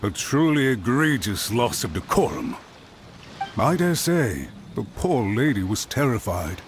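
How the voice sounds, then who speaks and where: A man's voice: medium pitch, sing-song, unhurried, a little hiss or hum. A man playing a pompous, scheming clan official in a video game, florid and theatrical, full of indignant self-defense. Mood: haughty, indignant. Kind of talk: scripted video game voice acting.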